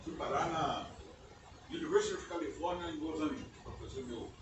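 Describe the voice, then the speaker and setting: Speaking a little fast in a fairly high voice, an older native English speaker from the US gives a laid-back guest lecture at a conference. He often checks in with listeners and finishes phrases with "né?", and the university auditorium's echo, a distant mic and background noise color the sound.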